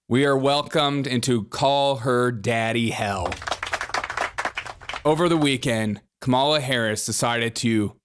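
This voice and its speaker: A man hosting a political commentary show, sarcastic, mocking and energetic. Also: mid-range voice, clear, resonant tone. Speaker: host.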